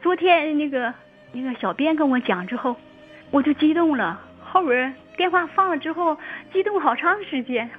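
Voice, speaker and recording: A woman's voice: sits high, expressive, normal speed, soft background music. A woman, calling in by phone and telling a heartfelt, tearful story. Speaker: caller. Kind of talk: emotional phone-in conversation. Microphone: telephone. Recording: tinny phone line.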